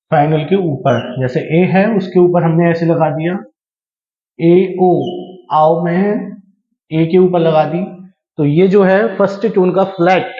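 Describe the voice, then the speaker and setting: A man teaching a language class, explaining slowly and deliberately and repeating key terms, with English phrases mixed in. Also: a little high, warm tone. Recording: echoey room, dull lo-fi sound.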